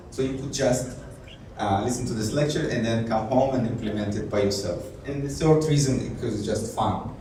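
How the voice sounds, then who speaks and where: A conference speaker from Israel gives a technical talk in a large, echoey hall, picked up from a distance off the mic with a faint hiss. His dark, mellow voice sits at a middle pitch, and he speaks hesitantly, with many fillers and restarts and light, self-amused laughs.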